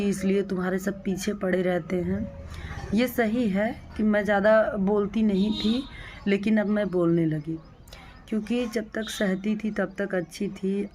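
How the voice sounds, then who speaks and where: A woman's voice: mid-range voice, mellow, a little hiss or hum. A young adult woman casually telling her viewers a personal family story, in a plain, repetitive way with many restarts. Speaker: vlogger.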